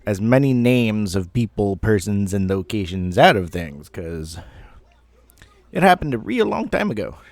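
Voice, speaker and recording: A man in his thirties, an online storyteller, casually recounts a personal story, rambling and poking fun at himself with some mild swearing. His voice is on the low side with big pitch swings, unhurried, and there's no room sound.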